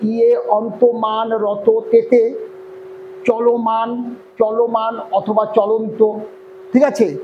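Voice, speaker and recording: A Bengali-accented man runs an online grammar lesson, with a voice that sits unusually high for a man. He walks through each point step by step and keeps checking whether the class has followed. A faint hum of ambient noise sits under the recording. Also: a little mellow, poor audio. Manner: explains step by step, often checks "clear?". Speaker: grammar teacher.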